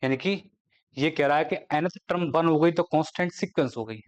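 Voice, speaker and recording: A man with a fairly high voice teaches a maths lecture at a board. He walks through each step, putting questions to the class and answering them himself. He drops to a slow, careful pace when he reads out a formula. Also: dull audio. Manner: explains step by step, asking and answering his own questions; slows right down when dictating formulas.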